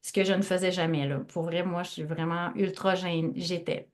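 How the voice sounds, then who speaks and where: A woman's voice: fairly low pitch, steady tone, fairly quick. A woman in her forties from Lac-Saint-Jean with a Quebec French accent, a coach telling her story casually in an interview with many hesitations. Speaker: guest coach and speaker.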